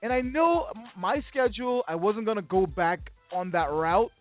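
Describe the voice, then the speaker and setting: A man's voice: sits high, expressive, normal speed. A man hosting a casual sports talk show, telling a rambling story and acting out the dialogue. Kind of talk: casual radio chat. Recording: phone-like audio with faint music.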